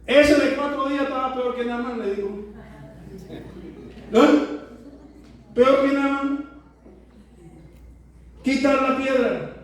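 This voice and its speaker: A man's voice: very high voice, steady tone, takes it slowly, pauses often. A man preaching a sermon as pastor, asking the congregation rhetorical questions. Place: church sanctuary. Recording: echoey church from a distance.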